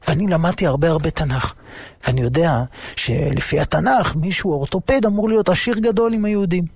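A man's voice: fairly high pitch, darkish tone, breathy edge, dry recording. A man voicing a curious gentile professor who explains an idea in an amused, lecturing tone.

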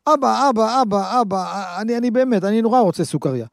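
Begging little boy, put on by a male preacher, pitched far up, pleading and insistent, dry close sound. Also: animated, vocal fry, no echo. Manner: pleading, repeating "dad". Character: small boy begging his father for candy.

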